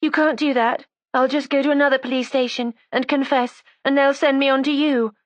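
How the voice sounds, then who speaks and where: A sharp, resentful young woman whose audiobook voice rises high against the plain narration, sarcastic and combative. A woman reader puts her on in a dry, close recording. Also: fairly even intonation, a little fast, no echo, lo-fi sound, close to an everyday voice. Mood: defiant. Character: defiant resentful young woman making a false confession. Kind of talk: audiobook character voice.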